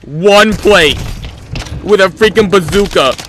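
Bright-voiced young man streaming a game. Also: sits high, takes it slowly, slight background noise. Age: young adult. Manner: joking banter with chat, sudden shouted outbursts. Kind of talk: casual live-stream chat while gaming. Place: small room at home, indoors. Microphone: headset, seen on webcam.

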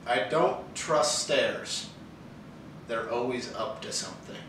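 A young man casually telling jokes and bantering with a friend, bro-ish and quick to laugh. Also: medium pitch. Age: young adult. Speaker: contestant in a try-not-to-laugh joke challenge. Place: living room couch, indoors. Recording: echoey room, distant mic, faint noise.

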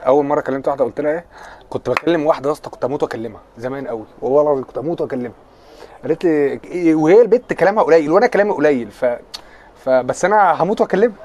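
A man's voice: a little high, very fast, darkish tone, a little hiss or hum. A young man with an Egyptian accent chatting on a casual live stream, answering viewer comments in a joking, teasing way. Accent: Egyptian Arabic.

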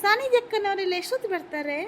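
A woman's voice: very high-pitched, animated, fast, slight background noise. A woman voicing a sulky, whiny little boy who complains tearfully in a cartoon skit.

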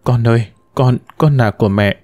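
A man's voice: medium pitch, normal speed, a little mellow, no echo, close to an everyday voice. A man voicing a young woman in her twenties, a mother pleading with emotion over the son she gave up. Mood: tender.

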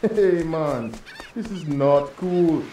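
Super slow, chilled out beach dude, high pitched cartoon voice, easygoing. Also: male voice, over loud music. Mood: dismayed. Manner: easygoing, giggly, drawling. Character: mellow, laid-back male island beach bum. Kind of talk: cartoon game acting.

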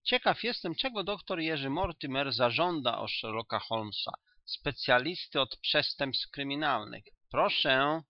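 A man's voice: mid-range voice, expressive, no echo. A man doing a cool, self-assured detective. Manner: measured, confident and dry. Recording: dull, dry audiobook recording.

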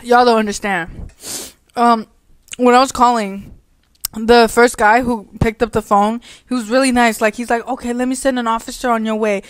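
Young woman vlogger, lively laughing storyteller, slightly high voice. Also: normal speed. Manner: animated, laughing, sassy retelling. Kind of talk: casual storytelling chat.

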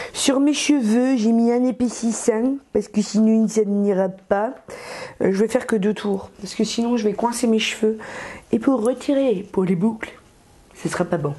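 A woman's voice: on the high side, dark tone. A woman vlogger giving a casual hair tutorial, chatty and rambling, hamming it up with a comic put-on accent. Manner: playful, putting on a comic accent; rambling, chatty asides to the viewer. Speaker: beauty vlogger.

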